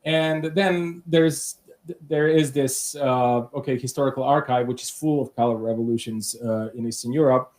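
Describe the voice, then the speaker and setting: A man from Bulgaria with a Bulgarian accent, a podcast co-host asking a long, halting interview question with many fillers and restarts. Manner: animated, rising pitch when stirred.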